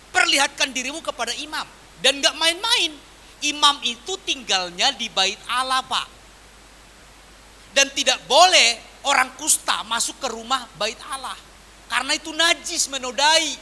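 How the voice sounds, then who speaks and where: A man preaching a sermon as pastor, swinging from loud emphatic lines to quiet soft ones. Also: very high-pitched, a little hiss or hum. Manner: animated preaching with wide swings in volume.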